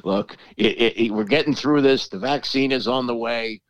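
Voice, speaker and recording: A middle-aged man with a medium-pitched voice talks sports casually. His delivery is emphatic and halting, doubling back on words to press his opinion. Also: dry recording, muffled recording. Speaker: sports talk commentator.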